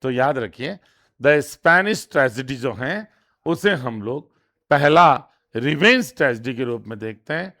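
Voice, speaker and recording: A man teaching an exam-prep lesson, reading each question out slowly and then explaining it step by step with frequent repetition. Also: mid-range voice, lively intonation, sharp tone. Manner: reads English questions slowly, then translates. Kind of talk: exam lesson in Hindi with English terms.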